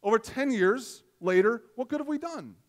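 A pastor in his forties preaches on a church stage into a headset mic, with a very high-pitched, expressive voice at a moderate pace. His style is conversational and self-deprecating, built around storytelling.

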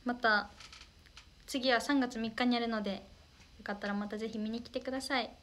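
A woman's voice: a little high, steady tone, brisk, a bit bright, slight background noise. A young woman hosting a casual livestream, reading viewer comments aloud in a bubbly, polite way and thanking them often. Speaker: idol livestream host.

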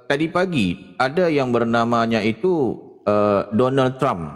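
A man on a discussion panel, talking in a mocking, animated way and laughing at his own jokes. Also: medium pitch, a little slow, slight background noise. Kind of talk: mocking live religious debate talk. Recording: hall reverb.

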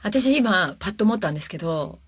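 A woman chatting casually in a talk session, cheerful and quick to laugh. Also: medium pitch, lively intonation, husky, no echo, studio quality. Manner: cheerful, laughs often, playful. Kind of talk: casual chat.

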